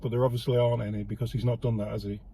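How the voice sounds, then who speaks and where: A man's voice: mid-range voice, little pitch movement, very fast, gravelly, dark tone, husky. A man from the United Kingdom with a British accent, hosting a casual political commentary show, heated and sarcastic, stumbling and repeating words as he goes. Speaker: host.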